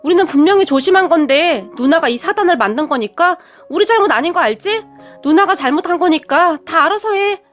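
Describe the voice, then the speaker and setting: A woman's voice: extremely high pitch, lively intonation, fairly quick, faint music behind, pitched above the performer's own voice. A woman reading a blunt young husband who speaks in a firm, matter-of-fact way.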